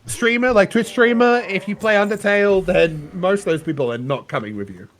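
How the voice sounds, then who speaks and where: A man's voice: sits high, brisk, a bit bright. A man chatting casually on a stream, rambling and swearing freely.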